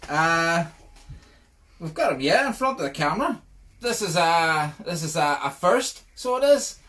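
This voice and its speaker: A man's voice: a little high, sing-song, a little slow, a bit bright. A middle-aged man with a Northern Irish accent hosting a podcast in casual, jokey chat full of laughter. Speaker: podcast host.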